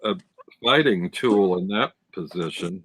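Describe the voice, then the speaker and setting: A man's voice: low voice, expressive, unhurried, fairly bright tone, slightly rough. A man co-hosting a casual live-stream chat, talking enthusiastically and describing details over a video call. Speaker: tarot deck reviewer, co-host.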